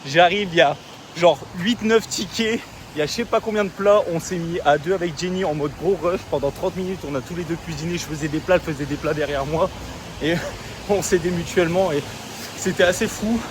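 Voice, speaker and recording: A man's voice: a little high, a little fast. A young man from France chatting in a casual diary vlog, talking loosely with many fillers and slang. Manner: rambling, lots of fillers and slang. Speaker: vlogger. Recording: phone vlog with street noise.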